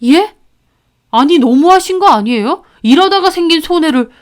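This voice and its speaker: A woman's voice: extremely high pitch, expressive, moderate pace, pitched above the performer's own voice. A woman doing a whiny, petty young boyfriend. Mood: pleading. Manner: whiny, demanding.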